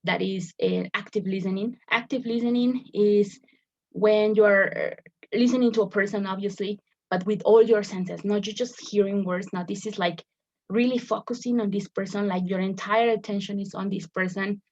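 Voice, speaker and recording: Gravelly, husky woman teaching a lesson. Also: medium pitch, fairly even intonation, normal speed, darkish tone. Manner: explains step by step, repeats words while searching for phrasing. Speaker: English teacher. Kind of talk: recorded lesson explanation. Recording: dull lo-fi recording.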